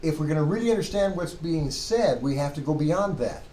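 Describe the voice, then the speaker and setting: Speaking a little fast in a fairly high, mellow, animated voice, a seminary lecturer teaches Hebrew to his students in a loose, conversational way. He quizzes himself and fixes his phrasing as he goes. The classroom recording echoes and carries clear background noise.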